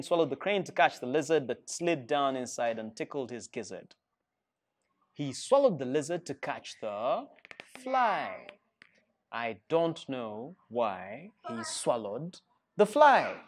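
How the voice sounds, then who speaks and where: A storyteller with a Ugandan accent, middle-aged, reads rhyme-filled picture book pages to schoolchildren sitting in an indoor reading room. He's encouraging and playful, his voice on the high side, swinging widely in pitch at a measured pace.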